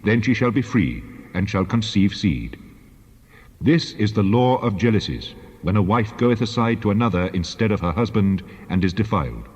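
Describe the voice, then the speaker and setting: A solemn, commanding God pronounces law in a low, husky voice. The delivery is measured and authoritative, in the manner of dramatized scripture, and it rings out in a long hall reverb. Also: male voice, darkish tone. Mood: solemn, stern. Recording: long hall reverb, dull band-limited sound.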